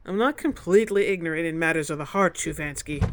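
Woman acting cold, commanding woman over clear noise. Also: deep voice, quick pace, natural voice. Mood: cold, impatient. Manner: clipped, authoritative. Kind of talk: naturalistic screen drama acting.

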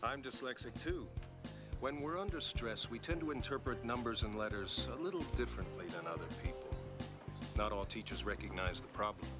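An actor playing a supportive schoolteacher in a children's TV drama, explaining in a measured, instructive way. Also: male voice, on the low side, lightly acted. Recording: very loud music under TV audio.

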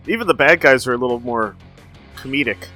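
A man's voice: mid-range voice, fairly quick, sharp tone, faint music behind. A man hosting casual, informal reaction commentary on television episodes, talking in a chatty way. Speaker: reaction host.

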